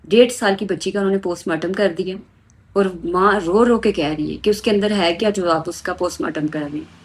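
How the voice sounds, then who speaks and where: A woman's voice: lowish voice, slightly rough. A woman, telling a victim's account and appealing urgently to viewers. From Pakistan. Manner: emotional, urgent, indignant. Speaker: activist relaying a victim's account.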